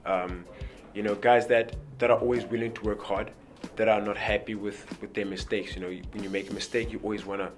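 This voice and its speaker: Clear music plays beneath the entire clip as a young South African rugby player, his voice very low, speaks a little fast in a relaxed interview. Sitting before a press backdrop, he rambles, trips over repeated words and often says "you know".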